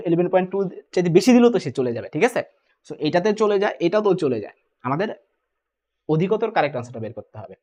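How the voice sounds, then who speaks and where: Casting note: young male physics tutor, quick-talking, a bit high-pitched, constantly checking in with students. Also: a little mellow. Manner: brisk, keeps asking "ঠিক আছে?", mixes English terms. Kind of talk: exam-prep lecture.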